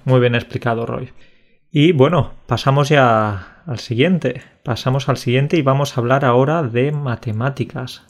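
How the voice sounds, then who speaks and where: Friendly man explaining grammar. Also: mid-range voice. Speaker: Spanish teacher, podcast co-host. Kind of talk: casual chat.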